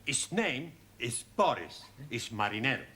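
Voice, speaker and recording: An actor playing a cheery, conspiratorial language student with a Spanish accent and broken English in a sitcom. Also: male voice, mid-range voice, very animated, measured pace. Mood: earnest. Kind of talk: sitcom acting. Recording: noisy 1970s television studio soundtrack.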